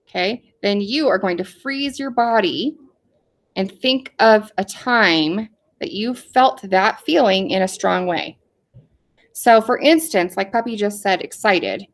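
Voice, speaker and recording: A woman teacher giving a recorded lesson to young children in an encouraging, animated manner. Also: a little high. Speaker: elementary school teacher.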